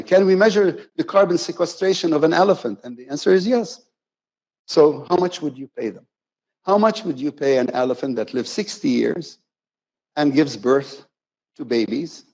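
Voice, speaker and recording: A man gives a keynote talk at a conference, relaxed and good-humored, restarting phrases as he goes. His voice is mellow and warm, sitting at an ordinary middle pitch. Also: poor audio. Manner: conversational and playful, with self-corrections. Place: conference hall.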